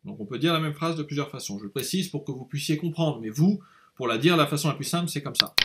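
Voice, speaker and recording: A man's voice: a little high, animated, fast talker. A man teaching a language lesson, patiently explaining and repeating words aloud to show each tone.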